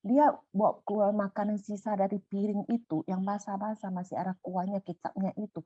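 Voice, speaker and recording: A middle-aged woman telling a personal story in a casual, animated way, going high when excited and soft when calm. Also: a little fast, dry recording. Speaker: volunteer sharing a personal story. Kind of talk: casual storytelling in a sharing session. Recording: muffled dry sound.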